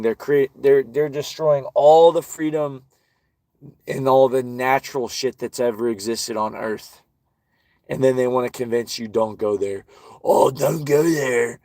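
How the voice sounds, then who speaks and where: A man's voice: mid-range voice, darkish tone, dry recording. A man ranting and swearing constantly while walking outdoors in a park, vlogging. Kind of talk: profane outdoor rant.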